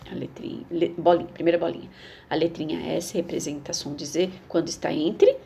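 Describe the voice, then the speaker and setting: A woman's voice: deep voice, steady tone, vocal fry, warm tone, a little hiss or hum. A woman teacher, reading a schoolbook aloud and explaining it patiently to young children. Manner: patient, explains slowly, repeats words for children.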